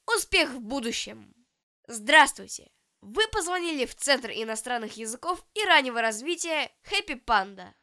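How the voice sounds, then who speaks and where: A woman's voice: sits high, pushed and bright. A woman recording a phone menu for a language and early development centre, reading greetings, branch names and keypad options in a cheerful, repetitive sing-song.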